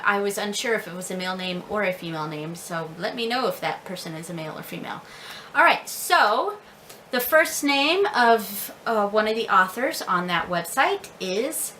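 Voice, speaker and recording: A woman's voice: medium pitch, sharp tone, a little hiss or hum, rough recording. An American woman learning Irish, talking casually to camera about names, laughing often and repeating words carefully. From United States. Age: adult with several children. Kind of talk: casual video lesson.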